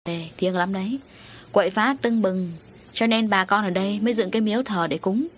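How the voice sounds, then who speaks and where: A woman's voice: mid-range voice, a little fast, slight background noise. Woman narrating a ghost story. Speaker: audiobook narrator.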